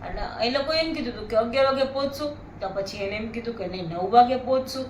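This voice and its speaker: A woman with a high voice tells a story in an animated way. Her voice echoes in the room, with a faint hiss behind. She co-hosts a family vlog. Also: fast talker. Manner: animated storytelling, prone to laughing. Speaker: family vlogger. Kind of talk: casual chat.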